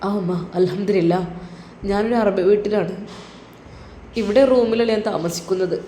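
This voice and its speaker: A gentle, lonely grown son in a spoken story, soft and reassuring on the phone, as a woman puts him on. His voice sounds mellow and dark, recorded in a roomy space with a faint hum behind it. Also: medium pitch, normal speed, lightly acted. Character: adult son far from home, lonely and gentle. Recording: roomy with faint background noise.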